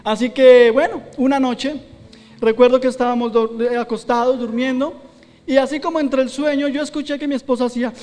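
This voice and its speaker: A man's voice: extremely high pitch, fairly even intonation, brisk, darkish tone, big-room sound. A man preaching a sermon, telling a personal testimony and quoting his own prayers aloud. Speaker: pastor. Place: church hall.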